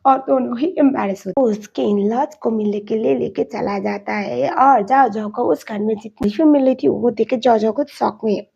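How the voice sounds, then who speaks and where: A woman's voice: on the high side, normal speed, vocal fry, few pauses, mellow, breathy edge. A woman narrating a drama recap in a chatty, casual retelling style, on a dull lo-fi recording. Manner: chatty, mixing English words. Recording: lo-fi dull sound.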